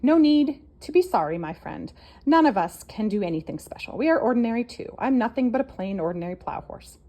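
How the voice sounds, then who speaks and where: A woman voicing a steady, kindly male plow horse who speaks calmly and reassuringly. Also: fairly high pitch, a little fast.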